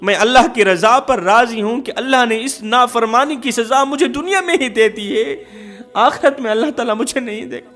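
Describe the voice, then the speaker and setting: Remorseful maimed beggar son, high and mournful, as a preacher plays him. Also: male voice, fairly bright tone. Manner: pleading, mournful.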